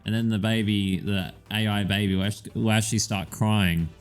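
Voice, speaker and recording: A man's voice: on the low side, steady tone, moderate pace, soft background music. A man co-hosting a podcast in casual chat, rambling with lots of "um"s and casual swearing. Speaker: podcast co-host.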